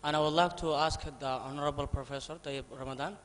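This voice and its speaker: A man from Somalia asking a question at a conference, speaking haltingly with many pauses and fillers. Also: on the high side, fairly even intonation, fairly bright tone, slight background noise. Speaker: audience member asking a question. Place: large conference hall. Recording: reverberant conference hall.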